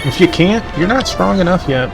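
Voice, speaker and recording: A man's voice: high voice, animated, normal speed, gravelly. A man casually commenting on a video game as he plays, chatting and reading the subtitles aloud. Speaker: let's play host. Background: game music.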